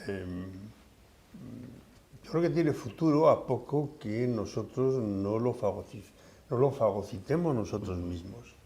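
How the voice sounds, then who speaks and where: An older man from the Basque Country, a professor, talking in a relaxed podcast conversation, pausing often with fillers and restarts. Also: lowish voice. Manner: hesitant, many fillers and restarts.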